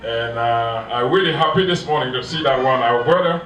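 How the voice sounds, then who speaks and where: A mid-range-voiced Haitian pastor, whose first language is Haitian Creole, delivers a sermon through an interpreter in a church hall. He speaks in short phrases, pausing for translation, with non-native grammar. The recording is echoey, with the mic off at a distance.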